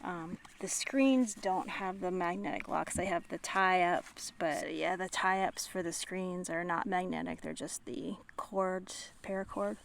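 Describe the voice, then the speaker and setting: A woman hiking vlogger chats casually to her viewers outdoors, on a walk and at a tent setup, musing unscripted with trailing pauses. Her voice is fairly low-pitched with vocal fry. The noisy outdoor camera recording carries natural ambience.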